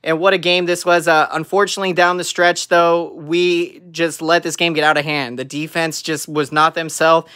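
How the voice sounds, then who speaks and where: A man's voice: fairly high pitch, little pitch movement, normal speed, hardly any pauses, pushed and bright, clean tone, no room sound, clean studio sound. A man in his thirties, a sports fan vlogging an emphatic, earnest post-game recap to a phone at arm's length in a room at home.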